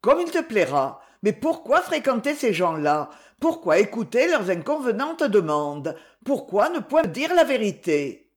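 A gentle, anxious old father, a banker in a read-aloud novel, as a woman narrator voices him. He speaks softly and imploringly to his daughter, his pitch moving widely. The tone stays close to the reader's own, only a little lower at times. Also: sing-song, unhurried. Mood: tender.

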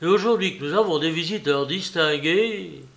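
A man's voice: a little high, moderate pace, gravelly, fairly bright tone. A man voicing a self-satisfied husband who shows off his knowledge in a read-aloud story. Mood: smug. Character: know-it-all middle-class husband who is never wrong.

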